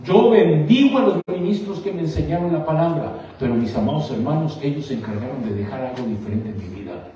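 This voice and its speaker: A male pastor preaching fervently, calling listeners brother and asking rhetorical questions, swinging from quiet lines to loud exclamations. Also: fairly high pitch, fairly quick, hardly any pauses. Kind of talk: sermon. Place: church sanctuary. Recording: echoey church hall, distant mic, slightly dull.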